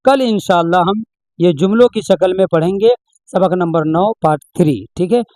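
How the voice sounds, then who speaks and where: A man's voice: high voice, normal speed, darkish tone, no room sound, rough recording. A man teaching Urdu reading, patiently sounding out each letter and asking the learner what the word says. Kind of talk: slow spelling-out lesson.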